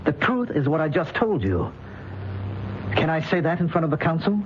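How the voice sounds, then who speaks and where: A man playing a bewildered, frightened modern man in an old-time radio drama, speaking haltingly and with agitation. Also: on the high side, big pitch swings. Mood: exasperated. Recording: muffled, noisy vintage radio recording.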